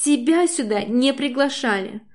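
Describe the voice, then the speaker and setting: A woman's voice: sits high, lively intonation, measured pace, darkish tone, pitched above the performer's own voice. A woman voicing a defiant young mother who speaks sharply and bitingly. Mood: cold anger.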